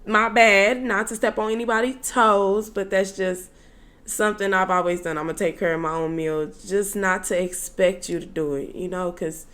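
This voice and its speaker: A young woman telling a casual story to her viewers at a middle pitch. She talks in a loose, slangy, chatty way and keeps turning to her audience with exasperated asides. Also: fairly even intonation, normal speed, fairly bright tone. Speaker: storytelling vlogger.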